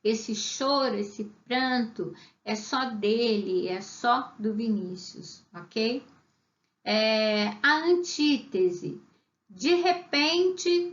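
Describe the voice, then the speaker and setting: A woman teaching a literature class, chatty and lively, often checking in with her students. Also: high-pitched, reverberant, lo-fi sound. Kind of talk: online class lecture.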